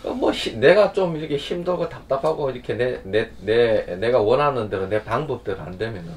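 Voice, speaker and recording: A man pastor preaching a sermon in a conversational way, prompting listeners often and swinging between loud bursts and quiet asides. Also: mid-range voice, a little hiss or hum.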